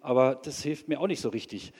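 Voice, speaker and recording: An actor playing an anxious, earnest bank clerk who rambles hesitantly as a polite caller in a comedy sketch. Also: male voice, mid-range voice, brisk, darkish tone, breathy edge, big-room sound, natural voice. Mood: unsure, wistful.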